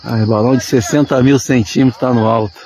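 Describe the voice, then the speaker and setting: A man giving excited, swearing live commentary at an outdoor balloon launch, calling out and mock-praying as he films. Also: mid-range voice, brisk. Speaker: balloon enthusiast filming a launch. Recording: outdoor phone recording with loud crowd noise.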